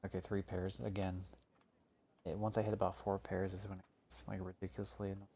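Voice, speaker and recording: Male gaming streamer, low gravelly voice, mutters and swears while he plays. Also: flat delivery, a little fast, warm tone, a little hiss or hum. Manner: grumbling, swears often, thinks aloud. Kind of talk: casual gameplay commentary.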